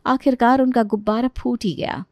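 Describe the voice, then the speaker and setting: A woman's voice: on the high side, steady tone, moderate pace, no room sound. A woman narrating a cartoon story in a chatty, scripted style, talking straight to the listener. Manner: chatty, addresses listener directly.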